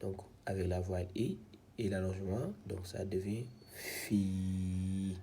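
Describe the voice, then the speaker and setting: A man's voice: sits low, moderate pace, creaky, mellow, a little hiss or hum. A man teaching how to read script, patiently sounding out syllables one by one in a step-by-step lesson. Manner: patient, repeats syllables one by one, frequent "donc". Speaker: Quran reading teacher.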